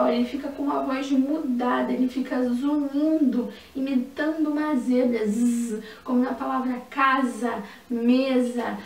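Woman teacher, high voice, sing-song for young kids, recorded at a distance in a roomy space. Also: darkish tone. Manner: sing-song, slow and emphatic on key words, with diminutives. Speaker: primary school teacher. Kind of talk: recorded online lesson for young children. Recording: echoey room, mic at a distance, faint ambient noise.

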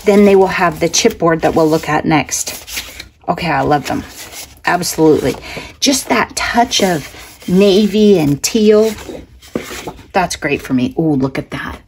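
A woman's voice: on the low side, unhurried, pauses often, darkish tone. Middle-aged woman, craft vlogger, casual enthusiastic haul chat at a tabletop, faint room noise behind. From Oregon, US. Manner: chatty and enthusiastic, exclaiming over items. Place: indoors at a table, hands-only overhead camera.

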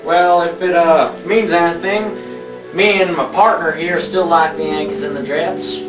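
A man's voice: a little high, fairly even intonation, unhurried, music in the background, lightly acted. A young man playing a polite, folksy cowboy lawman in an amateur Western parody. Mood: polite, easygoing. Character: polite, laid-back Old West lawman cowboy. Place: basement den at home. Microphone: camcorder across the room. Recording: roomy, distant camcorder sound.

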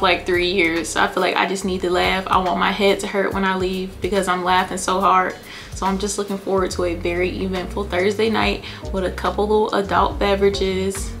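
A woman's voice: mid-range voice, a bit bright. Female vlogger, chatty and joking, phone-camera sound with faint music. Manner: chatty, joking, talks straight to viewers. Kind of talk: casual vlog chat to camera.

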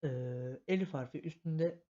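A man speaks a little slowly in a slightly high, warm voice while teaching a language lesson, patiently spelling letters step by step and repeating often. The home recording is dull and lo-fi.

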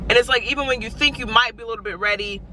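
A woman's voice: on the high side, low-quality recording. A young woman reacting to and reviewing songs from inside a parked car, gushing and exclaiming, filmed by a dashboard camera. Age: young adult. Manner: excitable, exclamatory, drawn-out gushing. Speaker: music reaction vlogger. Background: music playing.

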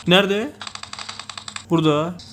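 A young man with a Turkish accent giving excitable, self-mocking commentary over mobile game play. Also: high-pitched, slow, background noise. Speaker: gaming YouTuber.

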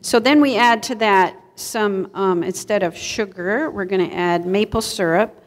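Speaking at medium pitch and a measured pace, a middle-aged woman runs an informal cooking demonstration for a live audience. She explains conversationally inside a church kitchen hall, and the event recording has an echoey sound.

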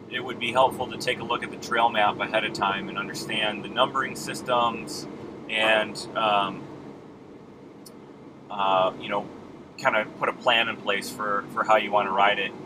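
A mountain bike vlogger in his thirties chats casually to a dashboard camera while driving, his mid-range voice relaxed and rambling with plenty of ums. The car cabin carries road, engine and air-conditioning noise.

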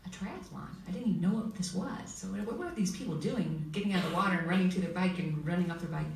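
A woman panelist telling a heartfelt personal story with many pauses, recorded in a school hall. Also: fairly low pitch, creaky, darkish tone. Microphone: table mic heard from far camera. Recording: echoey hall from far off, faint noise.

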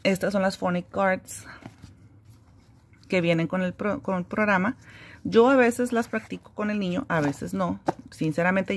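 A woman explaining how a children's reading curriculum works, in a relaxed, conversational teaching manner with frequent fillers. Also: mid-range voice. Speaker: homeschooling teacher.

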